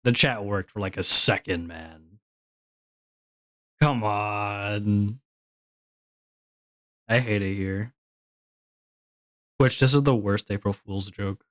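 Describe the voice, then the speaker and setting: A man's voice: fairly low pitch, takes it slowly, long pauses, fairly bright tone, no room sound. A man streaming live who talks to his chat in a sarcastic, grumbling, exasperated way. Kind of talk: casual livestream chat.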